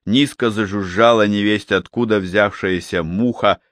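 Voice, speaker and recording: A man narrates an audiobook in an even, measured read with a fairly low voice. The sound is dry and close, with no room echo. He keeps a steady, unhurried delivery. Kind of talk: scripted narration.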